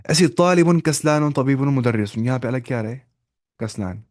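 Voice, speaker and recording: A man's voice: mid-range voice, lively intonation, darkish tone, no room sound. Patient male Arabic teacher, dry sound. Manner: explains slowly, switching between Urdu, Arabic and English, often repeating words. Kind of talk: online class teaching.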